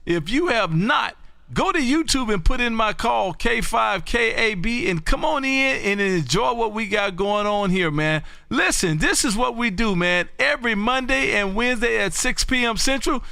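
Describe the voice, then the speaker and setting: A man's voice: very high voice, animated, normal speed, creaky, pushed and bright, no room sound. A man from Texas hosting a livestream as an amateur radio operator, chatting in a folksy, exclamatory way and repeating his phrases. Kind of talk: animated on-air ham radio chat.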